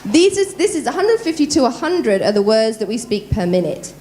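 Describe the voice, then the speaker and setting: Animated quick-talking woman voice coach. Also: a little high, a little hiss or hum. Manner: lively, quick-talking, quizzes the audience. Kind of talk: conference workshop talk. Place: conference room.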